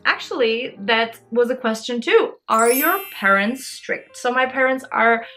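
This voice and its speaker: Bright, bubbly young woman chatting. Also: a little high, lively intonation, unhurried, faint music behind. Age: 20s. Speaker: social media creator. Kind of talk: casual Q&A vlog chat.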